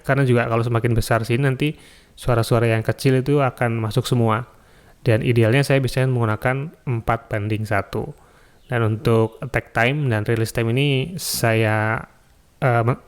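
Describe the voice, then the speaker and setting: A man hosting a screen-recorded software tutorial, explaining each step calmly and adding "ya" and "eh" often, recorded on a studio microphone. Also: mid-range voice. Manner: relaxed step-by-step explaining with frequent "ya" and "eh". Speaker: YouTube tutorial host. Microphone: studio mic through an audio interface.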